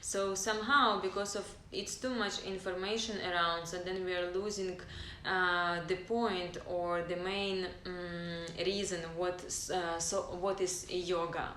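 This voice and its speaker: A woman's voice: lowish voice, fairly even intonation, a little slow, a bit bright, a little hiss or hum. Giggly woman, English, echoey. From Ukraine. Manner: giggly, searching for words, non-native phrasing. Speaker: yoga teacher and live stream co-host. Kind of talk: casual live stream chat.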